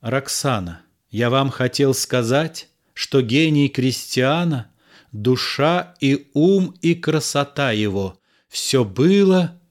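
A proud poet-soldier sunk in despair, as a male reader plays him, speaking low and hushed. His lines come slowly and solemnly, in the measured way of a dramatic play reading. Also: expressive.

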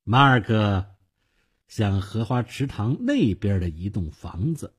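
A man reading a radio novel as a storyteller, in an unhurried, dramatic way. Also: on the low side, big pitch swings, slightly rough.

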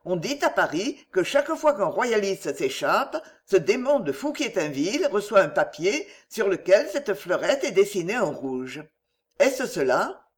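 A man voicing an eager young French viscount in an audiobook, animated and quick to chime in. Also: sits high.

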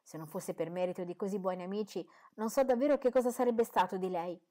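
A woman's voice: medium pitch, fast, mellow, lightly acted. A woman reading as a fussy, boastful mother. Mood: gushing. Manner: gushing, indignant. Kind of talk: audiobook reading.

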